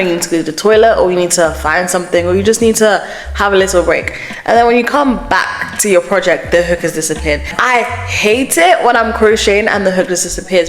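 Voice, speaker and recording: A woman crochet vlogger chatting casually, podcast style, filling her talk with "like," heard through a mic echo effect. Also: lowish voice. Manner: chatty, fills speech with "like", reads from notes. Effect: echo effect from the microphone setting. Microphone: home microphone. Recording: echoey, reverb-heavy mic audio.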